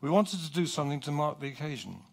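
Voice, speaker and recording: A middle-aged man from England, giving a public lecture from his script on a theatre stage. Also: a little high. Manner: animated, clear and measured.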